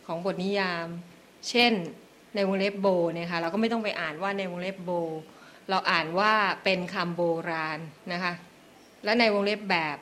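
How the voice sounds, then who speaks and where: A woman's voice: medium pitch, fairly even intonation, moderate pace, fairly bright tone. A woman lecturer at a meeting, carefully and politely explaining reading rules step by step. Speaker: invited lecturer.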